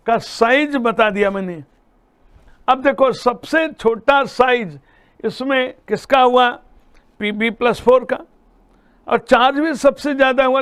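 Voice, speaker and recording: A man's voice: very high voice, fairly bright tone, clear, resonant tone. A man teaching a chemistry lesson, talking students through problems and often checking that they follow. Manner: addresses students as "beta", checks understanding often. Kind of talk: classroom lecture solving problems.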